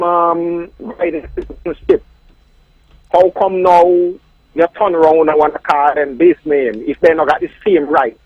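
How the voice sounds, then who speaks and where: Kittitian nevisian creole guy on a muffled phone call, high voice that jumps around, halting and insistent. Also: breathy edge, no room sound. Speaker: caller. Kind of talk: argumentative radio phone-in.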